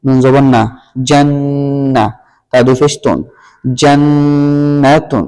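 A man teaching Quran reading, patiently spelling out each syllable and blending them in a slow, repetitive drill. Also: medium pitch, steady tone, dark tone, smooth. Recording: long hall reverb.

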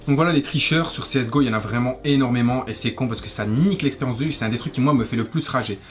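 A man's voice: mid-range voice, racing, noisy background. A man, ranting casually as a gaming YouTuber in sweary street slang. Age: 20s. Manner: French street slang, swearing, familiar address. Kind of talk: casual rant to camera over gameplay. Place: small bedroom, indoors. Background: faint music.

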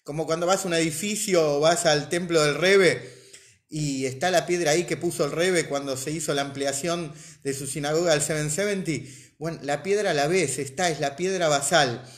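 A man's voice: on the high side, normal speed. A man giving a weekly religious class. He explains as he goes, rephrases his points and asks rhetorical questions. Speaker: religious teacher.

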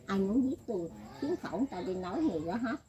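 A woman's voice: medium pitch, very animated, rapid-fire, highs cut off, crowd noise. An elderly woman talking in a rambling, casual way, often laughing as she speaks. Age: older. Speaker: elderly woman being interviewed.

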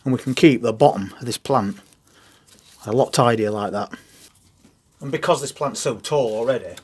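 A man's voice: mid-range voice, moderate pace. A man, giving practical gardening advice straight to camera from a greenhouse. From England. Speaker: gardening channel host. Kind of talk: instructional gardening video. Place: greenhouse on an allotment.

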